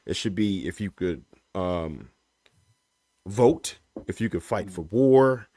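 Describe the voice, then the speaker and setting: A man giving his opinion on a livestream panel, measured, checking in with "right?" as he goes. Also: sits low, animated, dark tone. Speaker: panel guest.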